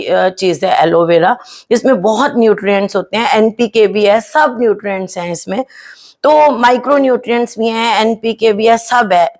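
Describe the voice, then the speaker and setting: A woman with a fairly high voice walks viewers through a home gardening lesson. She explains things step by step in a chatty way, leans on tag questions and fillers, and slips words in as she goes. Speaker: gardening channel host.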